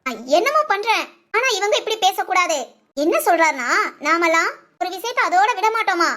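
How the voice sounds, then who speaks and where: Woman playing a feisty young cartoon wife, very high bright voice, argumentative. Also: expressive, brisk, heavily acted. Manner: argumentative, giggly, stammering. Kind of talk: cartoon voice acting.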